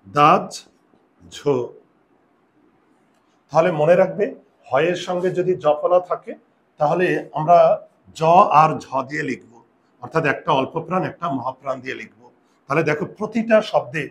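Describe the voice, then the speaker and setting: Male teacher with drawn-out example words. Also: fairly high pitch. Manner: explains step by step, asks students questions. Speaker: Bengali grammar teacher. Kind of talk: classroom pronunciation lesson.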